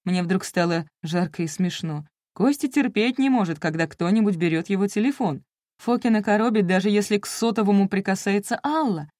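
A woman's voice: medium pitch, a little fast, a little mellow, no room sound, clean studio sound. A woman reading a first-person audiobook with wry, self-ironic storytelling. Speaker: audiobook narrator.

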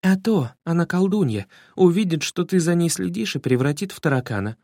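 A woman's voice: on the low side, expressive, brisk, darkish tone, dry recording, studio quality, voice pushed up. A man voicing a fearful, superstitious girl who speaks in worried warnings.

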